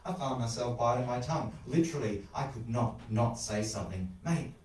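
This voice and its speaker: A man narrating a macabre short story in an animated, wry, crude style, recorded in an echoey room away from the mic. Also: mid-range voice, a little fast, recorded from a distance, slight background noise. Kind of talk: dramatic spoken horror narration.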